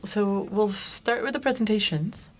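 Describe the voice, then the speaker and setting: Moderating a conference panel in a conference room, a woman speaks loosely, often correcting herself mid-sentence and restarting frequently. Her voice is medium-pitched and a little slow.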